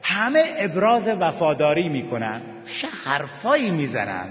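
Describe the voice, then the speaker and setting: A man preaching a sermon in a somewhat high voice. He tells a story with deep feeling and at times slides into chanting. The sound is a little muffled and carries a long hall echo. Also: sing-song. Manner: emotional storytelling that swells into chanted lines. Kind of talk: religious sermon with mourning storytelling. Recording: dull echoey hall recording.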